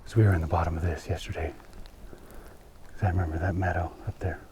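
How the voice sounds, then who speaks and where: A man on a hunting trip planning the route in a quick, matter-of-fact way. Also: low-pitched, little pitch movement, noisy background. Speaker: hunting partner.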